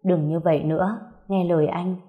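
A woman voicing a gentle, caring young man who soothes a grieving woman in a soft, slow way, as part of a story reading. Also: lowish voice, steady tone, phone-quality sound, close to an everyday voice.

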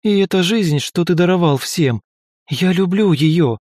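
A man voicing a fanatical young female devotee who speaks zealously and indignantly in a much higher voice. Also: animated, measured pace, darkish tone, dry recording, studio quality. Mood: pleading.

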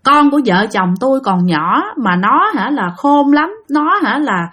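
A woman's voice: high-pitched, lively intonation, a little slow, a bit bright, exaggerated voice. A woman voicing grieving parents who plead and implore a stranger to save their child.

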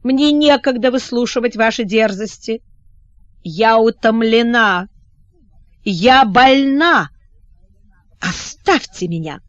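A woman voicing a calm, disdainful young princess in an audiobook. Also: fairly high pitch, slow pace, long pauses, no echo, highs cut off. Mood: cold. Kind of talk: audiobook character reading.

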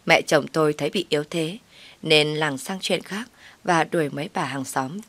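Brief: calm woman storyteller, low voice, dry close sound. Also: normal speed, no echo. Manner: calm and even. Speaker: narrator. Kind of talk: scripted first-person story narration.

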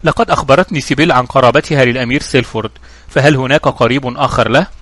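A man voicing a calm, shrewd young investigator in a storybook reading, with measured, questioning speech. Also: medium pitch, no echo, natural voice.

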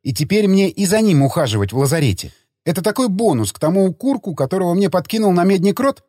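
A man's voice: on the high side, big pitch swings, moderate pace, husky, dry recording, clean studio sound. A man voicing a scolding angry woman. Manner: scolding, hissing.

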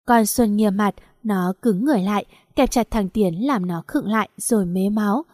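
A woman reading a novel aloud as narrator, in a steady, even storytelling manner. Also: mid-range voice, moderate pace, dry recording, clean studio sound. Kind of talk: scripted audiobook narration.

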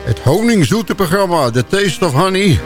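A man presents a radio music show. His voice is a little high in pitch. Loud brassy music with trumpet plays behind him. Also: sing-song, moderate pace.

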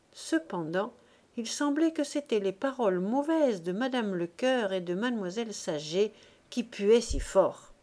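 Woman reading a novel aloud. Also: mid-range voice. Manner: measured, expressive reading. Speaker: audiobook reader. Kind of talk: audiobook narration.

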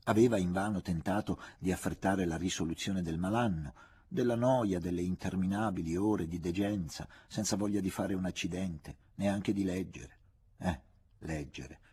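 Deep, dark-voiced male audiobook reader. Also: slight background noise. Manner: measured, expressive reading. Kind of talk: literary audiobook narration.

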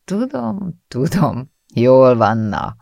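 A man doing a gentle, wry father. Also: medium pitch, big pitch swings, vocal fry, no room sound, clean studio sound. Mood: teasing. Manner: soft-spoken, teasing, conciliatory. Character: easygoing middle-aged father, gentle and wry.

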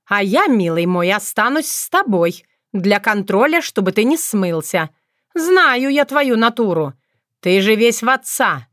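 A woman's voice: mid-range voice, lively intonation, normal speed, no echo, clean studio sound, close to an everyday voice. A woman voicing an elderly fox grandmother who sounds sugary and then snaps into stern, domineering commands. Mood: bossy. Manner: honeyed then sharply bossy. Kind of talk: audiobook character voice.

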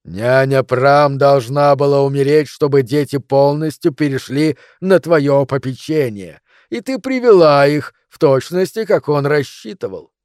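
A man voicing a cruel male monster that hisses its words slowly with sickening glee. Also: medium pitch, a little mellow, no echo, studio quality, close to an everyday voice. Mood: gloating. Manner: hissing, slow and mocking.

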